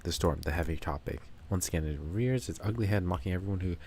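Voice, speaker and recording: Man streaming a story game, deep gravelly voice, chill jokey reads, faint music behind. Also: quick pace, a little hiss or hum. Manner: laid-back, joking, reads game text aloud. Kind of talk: casual gameplay commentary. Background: soft background music.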